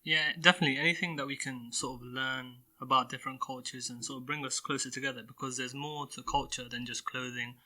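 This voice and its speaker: A man's voice: mid-range voice, fairly even intonation, fairly quick, hardly any pauses, bright, forceful tone, rough recording. A teenage male student speaking earnestly in a school podcast discussion. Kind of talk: casual discussion.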